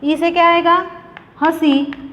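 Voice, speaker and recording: A woman teaching a grammar lesson to a class, explaining slowly and repeating each example word. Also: very high-pitched, flat delivery, pushed and bright, a little hiss or hum. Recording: dull lo-fi sound with long reverb.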